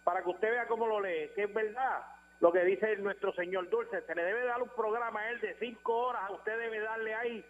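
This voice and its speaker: A man's voice: sits high, moderate pace, fairly bright tone. A Puerto Rican man calling in to a radio show, rambling with many fillers. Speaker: caller. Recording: dull phone line with hum.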